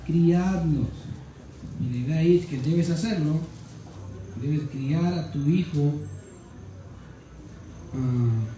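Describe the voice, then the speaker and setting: A young man preaches a teaching sermon, often checking that his listeners follow. His voice is dark and mellow but sits a little high, and it comes from some way off the mic in a very echoey room with faint noise. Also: recorded from a distance. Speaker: pastor.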